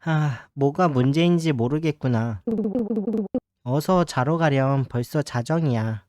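A man reading the game lines of a tired, dismissive mother in a flat, slow manner. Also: medium pitch, no room sound, clean studio sound, faint music behind, lightly acted.

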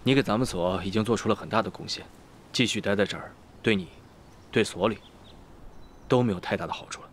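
An actor playing a middle-aged institute director who speaks in a measured, matter-of-fact way in a TV drama. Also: male voice, fairly low pitch, slight background noise, lightly acted. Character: firm male institute director. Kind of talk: TV drama acting.

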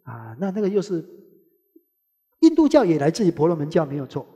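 A man giving a rambling Buddhist scripture lecture, opening many phrases with a drawn-out "ah" and chanting bits of mantras as he goes. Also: huge pitch swings, warm tone, muffled recording. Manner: chants mantras in passing, rising in pitch when making a point. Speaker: Buddhist teacher. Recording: long hall reverb.

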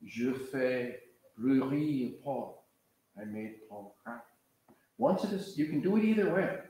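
Pacing and gesturing in a big lecture hall with red seats, an older Pacific Coast American professor leads a master class for a seated audience. His middle-pitched, dark voice is animated and slow, echoing heavily as a far camera records his loose, conversational, digressive talk.

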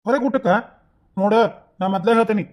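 A worried young husband in a cartoon , as a man acts him out, grumbles stubbornly in a high North Karnataka voice. He speaks plainly and digs in his heels. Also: fast, a little mellow, close to an everyday voice. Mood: grumbling. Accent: North Karnataka Kannada.

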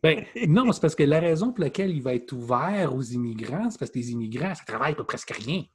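A man's voice: medium pitch, fairly quick, husky. A man in his thirties with a Québécois French accent, giving opinionated commentary as a podcast co-host. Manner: animated, opinionated commentary, direct address to listeners. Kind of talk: casual podcast chat. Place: room with brick wall indoors. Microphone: over-ear headphones with webcam, video call.

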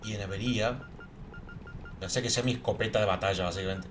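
A man's voice: lowish voice, steady tone, fast, far from the mic, music in the background. A man giving let's play commentary, muttering to himself while he plays. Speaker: gameplay streamer.

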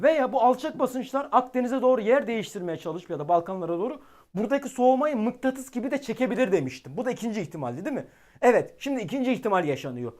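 A man giving live-stream weather commentary, excitable and exasperated, talking directly to his chat. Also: high voice.

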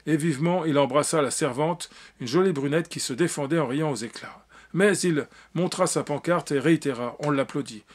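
A man reading a novel aloud as an audiobook, with expressive narration and occasional slips. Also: a little high, normal speed, slightly rough. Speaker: audiobook reader.

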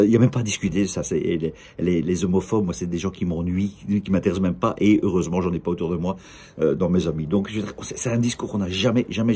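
A man's voice: on the low side, mellow, slightly rough. A middle-aged man with a Belgian French accent, chatting in a rambling, jokey way, vlogging from an outdoor café terrace. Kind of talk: casual direct-to-camera monologue.

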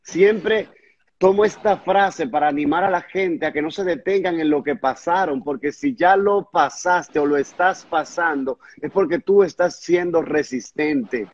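A man with a somewhat high voice recounts a testimony in an earnest, conversational tone. He stammers and repeats small words at the hardest parts. The recording sounds muffled and lo-fi. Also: measured pace. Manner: stumbles and repeats words at hard moments. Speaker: pastor and guest recounting a testimony.

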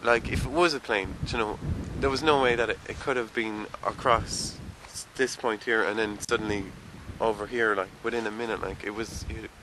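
A man's voice: fairly low pitch, steady tone, moderate pace, hardly any pauses. A young man with a Kerry Irish accent, casually recalling something he witnessed. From Tralee, County Kerry, Ireland. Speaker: eyewitness interviewee. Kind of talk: casual recollection. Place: open hillside outdoors. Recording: loud outdoor ambient noise.

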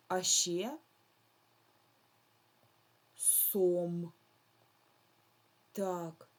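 Woman, primary teacher, remote lesson for children, slow patient delivery, husky lowish voice.

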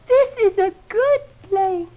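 A woman voicing a small, excitable boy rabbit on a children's storybook record, in a squealing, sing-song way. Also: very high voice, slow pace, muffled recording. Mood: delighted. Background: music.

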